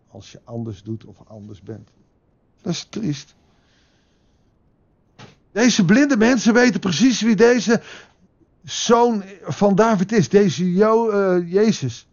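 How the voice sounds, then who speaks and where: A man preaching a devotional sermon, speaking with passion and rising to emphatic peaks, then growing quiet as he prays. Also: fairly high pitch, creaky, highs cut off.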